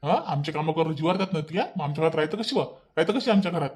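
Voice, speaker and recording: A man voicing a bossy, petulant young husband in a cartoon, with a Vidarbha Marathi accent, nagging and repeating himself in rapid bursts. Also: fairly high pitch, darkish tone, close to an everyday voice. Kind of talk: cartoon voice acting.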